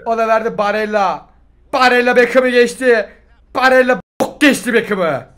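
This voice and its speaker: A high-voiced young man with a bright, sharp tone calls out a football video game match with excitement. He teases his opponent, laughs, and shouts out passes and shots as they happen. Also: moderate pace. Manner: teasing, shouting play-by-play, laughing. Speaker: gaming YouTuber. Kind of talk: excited gameplay commentary.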